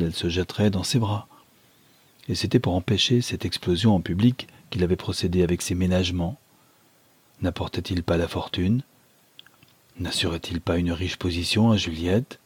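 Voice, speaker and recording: Male audiobook narrator, low and husky, measured reading, dry close mic. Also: darkish tone, no echo. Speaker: audiobook reader.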